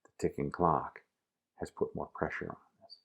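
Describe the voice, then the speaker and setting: Low gravelly male drama coach, relaxed and instructive. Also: moderate pace. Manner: casual instructive, addresses the student directly. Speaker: acting teacher. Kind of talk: recorded acting lesson.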